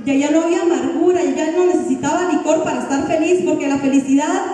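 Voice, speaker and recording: A woman evangelist giving an earnest, heartfelt personal testimony, with halting restarts. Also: high-pitched, mellow, heavy reverb, in a large hall, far from the mic.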